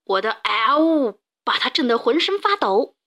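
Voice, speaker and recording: A woman's voice: on the high side, very animated, moderate pace, fairly bright tone, full character voice. A woman voicing a proud, boastful male bear in a storybook, emphatic and stubborn.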